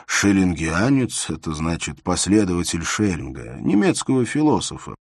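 A man reading aloud voices a shy, earnest young scholar who speaks slowly with a slight lisp. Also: deep voice, big pitch swings, breathy edge, no room sound, studio quality, heavily acted.

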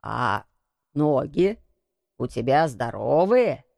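A woman voicing a gruff old male Yorkshire gardener who speaks in a shaky, muttering way. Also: fairly low pitch, lively intonation, a little slow, a bit bright, dry recording, studio quality. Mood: shaken. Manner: trembling, muttering.

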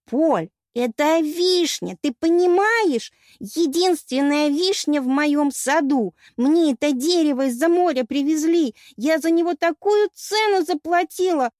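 A woman voicing a sharp-tongued, hot-tempered young goddess who scolds in a sarcastic, shrill way. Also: animated, brisk, no room sound, studio quality, lightly acted.

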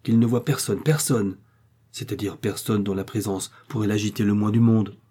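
A man playing a calm, sententious village doctor who explains slowly and deliberately. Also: on the low side, slightly rough. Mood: explaining.

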